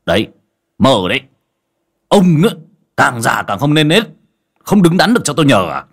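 A man voicing a tired, stern young male exorcist who grumbles. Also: normal speed. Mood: scolding. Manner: tired, grumbling, low-key.

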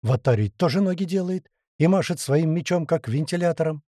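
A male narrator telling a first-person adventure with animated, swooping intonation. His voice is dark and mellow, recorded dry and close with no room sound. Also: fairly high pitch, fairly quick, no room sound. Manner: lively, vivid storytelling. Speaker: audiobook narrator.

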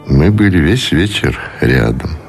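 An actor playing a reserved, dignified naval admiral in a radio drama, speaking in a measured, formal, deliberate way. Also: male voice, a bass voice, expressive, a little mellow, faint music behind, a faint crowd, heavily acted. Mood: tender, grave. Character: Admiral Kolchak, reserved, dignified naval officer under interrogation. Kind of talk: Russian radio drama acting.

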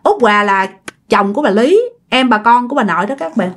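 A woman's voice: a little high, fairly quick. A woman with a Southern Vietnamese accent telling a ghost story casually, acting out the characters' voices. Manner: lively, acts out the characters' voices.

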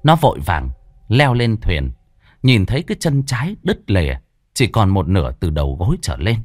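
A man narrating a horror story in a dramatic, expressive storytelling manner. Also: lowish voice, normal speed, no echo, clean studio sound.

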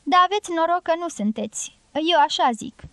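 A woman reading an audiobook, voicing a loud, blunt, domineering middle-aged guerrilla woman in a raised, forceful voice. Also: extremely high pitch, lively intonation, no echo, voice pushed up. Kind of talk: audiobook character voice.

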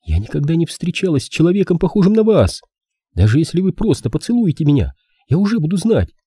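A man's voice: sing-song, fast talker, dark tone, husky, no echo, studio quality. A man doing a pleading young woman. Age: young adult. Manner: high, intense, pleading.

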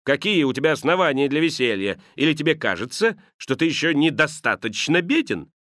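A man's voice: a little high, sing-song, a little fast, a bit bright, no echo, studio quality, pitched above the performer's own voice. A man reading the part of a grumpy, miserly old man who talks in a grumbling, dismissive way. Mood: scornful. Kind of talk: audiobook character reading.

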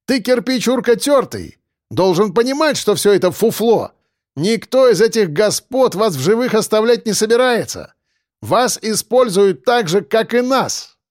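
A bold young survivor, as a male narrator puts him on, firing back blunt, defiant answers. The voice is raised and very animated, and it sits close and dry with no room around it. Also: high-pitched, unhurried, no echo, voice pushed up. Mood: pressing. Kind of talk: audiobook character voice.

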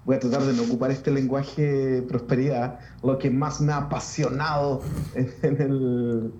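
A Chilean man, a Lutheran pastor, talking reflectively in a casual interview with many restarts and pauses. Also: mid-range voice, level tone, dark tone, roomy sound, lo-fi sound, slight background noise.

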